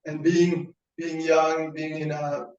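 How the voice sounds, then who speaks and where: Distant-sounding man, halting webinar talk. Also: on the high side, little pitch movement, darkish tone, echoey room, lo-fi sound. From Iran, raised in Sweden. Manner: halting, repeats words and restarts often. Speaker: founder presenting a webinar.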